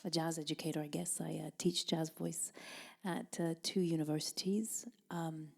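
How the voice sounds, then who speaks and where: A woman's voice: low-pitched, level tone, normal speed, gravelly. A woman from Italy, raised in Denmark, answering interview questions in a thoughtful, hesitant way and sometimes dropping to a near whisper. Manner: thoughtful, many ums and uhs; soft, at times drops to a whisper. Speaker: jazz vocalist and band leader.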